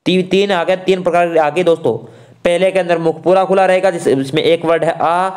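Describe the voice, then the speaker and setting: A man from Rajasthan teaches an online exam-prep grammar class. His voice sits a bit high, and he talks casually to students as friends. He drills the vowel sounds aloud. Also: fairly even intonation, moderate pace, a little mellow.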